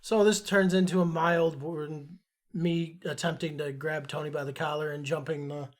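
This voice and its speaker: A man in his thirties co-hosting a podcast, telling a profane story in a loose, animated way. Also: on the high side, moderate pace. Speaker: podcast co-host. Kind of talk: casual chat.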